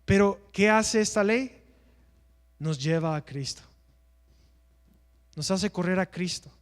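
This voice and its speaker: A man's voice: sits high, slow, in a large hall. A man teaching an evangelism class in a church, earnest and preacher-like, asking rhetorical questions and answering them himself.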